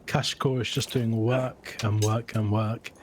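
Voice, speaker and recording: A man's voice: fairly low pitch, little pitch movement, unhurried, very noisy. A man giving casual color commentary on an online game match, with joking, self-mocking asides. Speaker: esports co-commentator and admin. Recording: loud game gunfire and artillery behind the voice.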